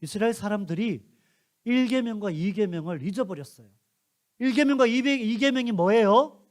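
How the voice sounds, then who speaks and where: A man pastor telling a Bible story to children in an animated storyteller's manner. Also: high-pitched, moderate pace.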